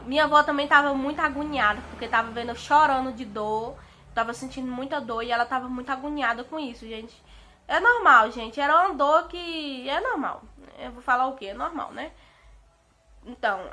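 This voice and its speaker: A woman's voice: high voice, a little fast. A young Brazilian woman with a Brazilian Portuguese accent, telling a personal story in a chatty vlog and often addressing her viewers. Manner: chatty, keeps saying "gente" to viewers; animated retelling with emotional outbursts. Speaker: vlogger.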